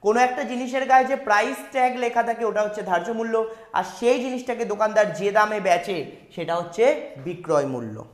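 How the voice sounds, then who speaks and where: A man's voice: sits high, fairly quick, roomy sound. A man with a West Bengal Bengali accent teaching a live online math class, repeating each step and checking in with students. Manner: repeats steps, asks students "ঠিক আছে?"; reads out student chat questions.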